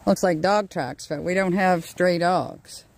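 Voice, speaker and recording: A woman's voice: fairly low pitch, a little slow, vocal fry, a little hiss or hum. An older Canadian woman films herself with a handheld phone and chats away, easy and homey. She talks to her cat and her viewers with an everyday voice. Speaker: vlogger. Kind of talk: casual everyday vlog. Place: home indoors, then outdoors in snow and in a vehicle.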